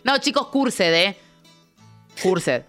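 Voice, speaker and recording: A woman's voice: medium pitch, sing-song, very slow, a bit bright, faint music behind. A woman with an Argentine accent co-hosting a radio show, telling a story in an angry, vulgar, ranting casual chat. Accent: Argentine Rioplatense Spanish. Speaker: radio co-host. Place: radio studio.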